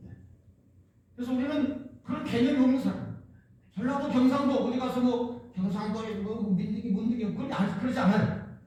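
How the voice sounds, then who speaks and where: Casting: a high-pitched male pastor preaching in a booming, distant hall. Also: a little fast, dark tone, a little hiss or hum. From Jeolla region, Korea. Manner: emphatic, repetitive preaching with rhetorical questions. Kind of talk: sermon. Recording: echoey church hall, distant mic.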